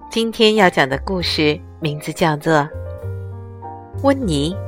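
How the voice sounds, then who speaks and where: Woman reading a kids' bedtime story real slow, low-ish voice with lots of melody, dry close sound, soft music behind. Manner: slow, gentle, expressive reading.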